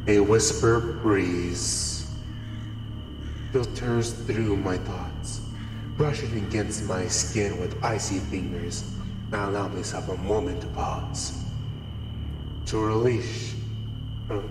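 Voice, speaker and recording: Voice changer narrator, streamer doing it, lowish and slow, dreamy and odd, echoey with music under it. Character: eccentric narrator obsessed with the color red. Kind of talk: reading a visual novel aloud. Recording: roomy reverb with music behind.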